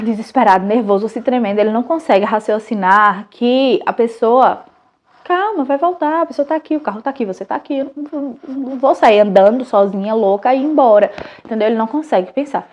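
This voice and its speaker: A Brazilian woman in her thirties, a mother and channel host, telling a family story in a casual, animated, chatty way with many restarts. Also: medium pitch, lo-fi sound. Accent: Brazilian Portuguese.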